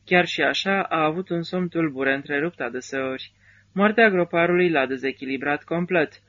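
A male narrator reads an audiobook in a steady, somber way. His voice is bright and a little high. The recording is dull and lo-fi.

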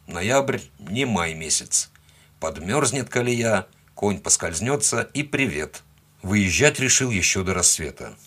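A man's voice: low voice, a bit bright. A man narrating a first-person story as an audiobook, telling it expressively and giving the quoted lines their own tone.

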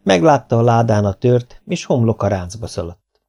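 Man, audiobook narrator, scripted narration, dark mellow tone. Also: mid-range voice, big pitch swings, creaky.

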